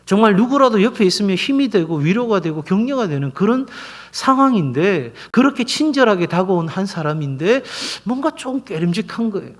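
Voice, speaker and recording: A middle-aged man preaching as senior pastor of his church, telling stories and acting out the quoted voices. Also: high-pitched. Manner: animated storytelling, acts out quoted voices. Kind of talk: sermon.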